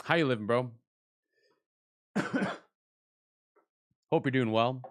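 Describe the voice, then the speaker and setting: A man's voice: medium pitch, takes it slowly, no echo. A man live streaming in a casual, informal way, thinking aloud as he reacts to a video.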